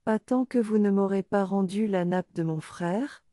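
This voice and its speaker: A woman's voice: medium pitch, measured pace, dark tone, no room sound, studio quality, close to an everyday voice. A woman voicing Jean, a bold young man in a storybook tale who makes firm demands.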